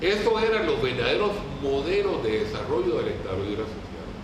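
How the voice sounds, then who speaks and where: A man's voice: mid-range voice, sing-song, fairly quick. A man with a Puerto Rican Caribbean Spanish accent gives an informal, didactic history talk to a group in colloquial language, often putting questions to them. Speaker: lecturer. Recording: very echoey room, distant mic, clear noise.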